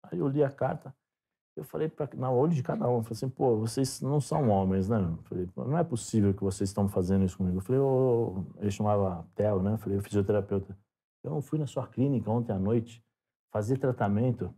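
A Brazilian former footballer, a guest on a podcast, telling stories in a relaxed chat and acting out the dialogue as he goes. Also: lowish voice, fast talker, slightly rough. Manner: animated storyteller, acts out dialogue. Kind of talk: casual storytelling interview.

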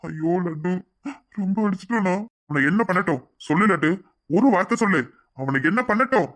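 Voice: mid-range voice, expressive, brisk, fairly bright tone, no room sound, close to an everyday voice. A performer voicing a scheming male lover in a cartoon who sweet-talks for money, with a Tirunelveli Tamil accent. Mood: coaxing. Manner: coaxing, sweet-talking. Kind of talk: cartoon voice acting.

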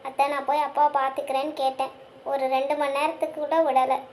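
A woman voicing a gentle, troubled married woman who talks softly about her worries, in a cartoon. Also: sits high, little pitch movement, fast talker, a little hiss or hum. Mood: sad. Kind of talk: cartoon voice acting.

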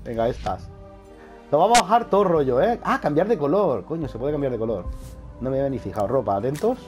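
A man giving casual, excitable gameplay commentary, laughing often and swearing casually. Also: mid-range voice. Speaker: gaming youtuber.

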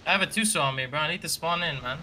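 High-voiced young man, slangy gamer chat. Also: very fast, crowd noise. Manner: slangy, profane, says bro constantly. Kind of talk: casual gaming chat.

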